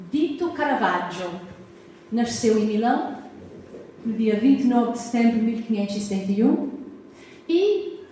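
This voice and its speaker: Her voice on the high side, a Massachusetts-born American historian with English as her first language and a Portuguese accent from her Azorean family lectures warmly and chattily in a cultural society's hall. She quizzes the audience and frequently checks in with "tá?". The mic is far off in the echoey hall, with slight hiss or hum.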